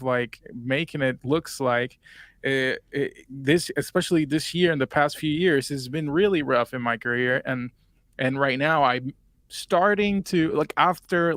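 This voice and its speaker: Speaking as an interview guest, a twentysomething Puerto Rican man with a Spanish accent rambles casually, leaning on fillers. His mid-range voice has a fairly bright tone, captured dry at studio quality.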